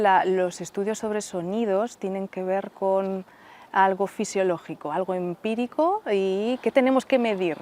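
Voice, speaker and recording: A woman professor, a guest on a radio interview, explaining speech sounds in a measured way with examples. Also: mid-range voice, a little mellow. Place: radio studio.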